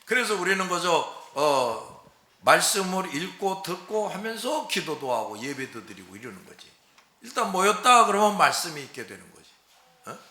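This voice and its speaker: Folksy Korean pastor preaching in a roomy church. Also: male voice, sits high, big pitch swings, normal speed, bright, forceful tone, slight background noise. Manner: folksy, keeps checking in with the congregation through rhetorical questions. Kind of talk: expository Sunday sermon.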